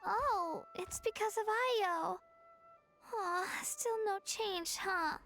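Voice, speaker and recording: A young girl character in a video game speaks very slowly in a very high voice with some creak, encouraging others in a gentle, earnest, soft-hearted way that's slightly hesitant. She sounds concerned and sympathetic, and the delivery is heavily acted. Soft music plays in the background.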